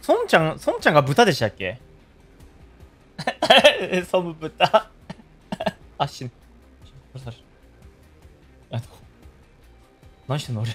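A man, chatting playfully while he streams a game. His pitch sits a little high and swings widely as he jokes and reacts. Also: husky. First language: Korean. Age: 30s. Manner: joking and animated, with loud yelps and laughs. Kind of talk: casual gaming stream chat.

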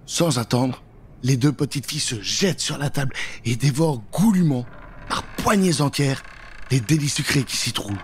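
A middle-aged man tells a scary children's tale with theatrical suspense, recorded close on a studio mic with a pop filter in a small indoor set. His mid-range voice has lively intonation at a normal speed. Music plays behind him, with slight background noise.

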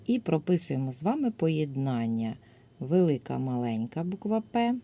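Low, mellow-voiced woman teacher. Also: big pitch swings. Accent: Ukrainian. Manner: slow, clear dictation with drawn-out words. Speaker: primary school teacher. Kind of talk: online video lesson.

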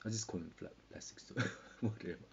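Tired man, low and gravelly, meandering mock-lecture with whispery dips; lo-fi home recording. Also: fairly quick, dark tone. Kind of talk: rambling pseudo-scientific monologue. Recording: dull lo-fi with faint hiss.

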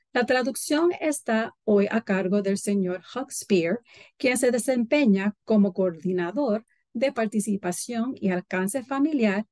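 Female webinar host reading a scripted introduction, slightly high voice, dry close sound. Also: a little mellow, no room sound. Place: indoors on a video call.

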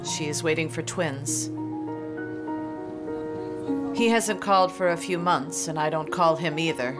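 Loud music runs behind a middle-aged mother in a television drama. Her voice sits a little low. She is a family matriarch, full of regret yet firm. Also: unhurried. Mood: remorseful, pleading. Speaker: actor.

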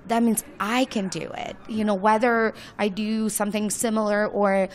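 A woman's voice: medium pitch, level tone, moderate pace. A woman from Romania with a Romanian accent, talking enthusiastically as an interview guest, with many fillers. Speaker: guest, launch service owner. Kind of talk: casual interview.

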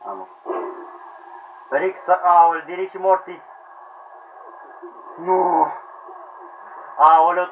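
A man giving excited gameplay commentary, yelling at characters, pleading with them and laughing as the match goes on. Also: high voice, long pauses. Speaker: gamer commentating own play. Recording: tinny lo-fi sound with faint hiss.

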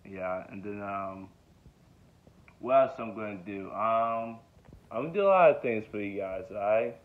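A man's voice: lowish voice, moderate pace. Rambling young man on a tinny phone. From Georgia, USA. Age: 20s. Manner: rambling, many fillers and repeated yeahs. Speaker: vlogger. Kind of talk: casual self-introduction vlog. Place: small bedroom indoors. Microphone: phone held close at arm's length.

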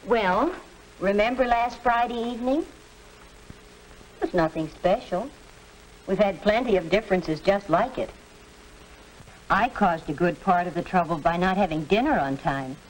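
A woman's voice: mid-range voice, expressive, measured pace, pauses often, natural voice. A woman playing an earnest, orderly middle-aged American mother in a 1940s educational film. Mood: explaining. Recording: noisy vintage film soundtrack.

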